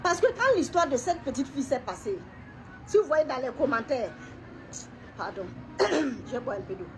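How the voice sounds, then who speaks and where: High-voiced woman giving halting testimony. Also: very animated, music in the background. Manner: halting, repeats words, pauses and clears throat. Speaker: woman sharing a personal story. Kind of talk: emotional personal testimony to camera.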